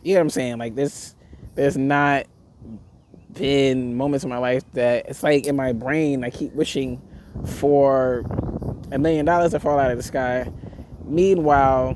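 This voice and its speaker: A man's voice: mid-range voice, noisy background. A man giving a reflective, rambling spiritual vlog monologue outdoors, full of fillers and restarts. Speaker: spiritual vlogger. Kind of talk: casual monologue to camera. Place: outdoors near a street with passersby.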